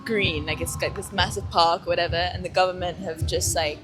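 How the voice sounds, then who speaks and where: A young woman from Malta, a sailor guest, chatting casually in a blunt, swearing way with quick laughs. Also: on the low side, steady tone, over music. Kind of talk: casual chat.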